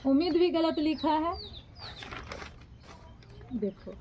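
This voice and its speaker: A woman home tutor, slowly correcting a dictation and spelling words out syllable by syllable. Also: high voice, lively intonation, dark tone, slight background noise.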